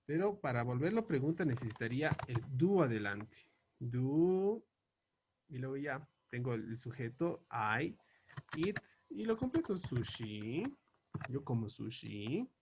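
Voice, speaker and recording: Slow, lively-voiced male teacher. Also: medium pitch, background noise. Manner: slow, deliberate, spells out examples word by word. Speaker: English teacher. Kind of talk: explaining grammar on a board.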